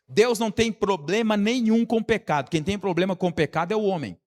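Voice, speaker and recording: A fairly high-pitched Brazilian man preaches a sermon in a church hall. His voice trails off into a long reverb. He swings between emphatic raised lines and slow, hushed ones, repeating rhetorical questions to the congregation. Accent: Brazilian Portuguese. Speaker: pastor.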